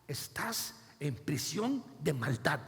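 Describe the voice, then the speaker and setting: A man preaching a sermon as a pastor, dramatically acting out biblical dialogue with big swings in loudness, with a Costa Rican accent. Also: a little high, sing-song, takes it slowly, vocal fry. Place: church hall. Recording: long church reverb.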